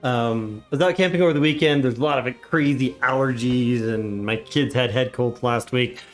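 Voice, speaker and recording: Playing a game on a livestream with faint music behind him, this man speaks at a moderate pace in a mid-range voice, slightly stuffed up from a cold. The father of young kids keeps things chatty and upbeat, greeting his chat often.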